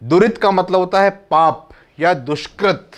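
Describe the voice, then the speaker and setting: A man with a high-pitched voice, a religious teacher, slowly explains a devotional hymn. He recites its verses, then patiently goes over what each word means again.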